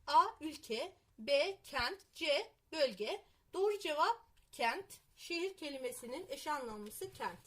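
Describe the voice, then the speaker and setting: A woman reading out test questions to young pupils and explaining each answer in a clear, patient way. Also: high-pitched, expressive, slow pace, fairly bright tone, slight background noise.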